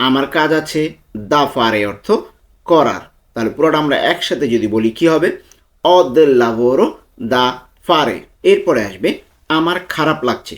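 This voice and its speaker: A man's voice: medium pitch, a bit bright. A man teaching a language lesson, breaking each phrase into words and repeating them patiently. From Bangladesh. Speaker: language tutor. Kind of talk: slow spoken language lesson.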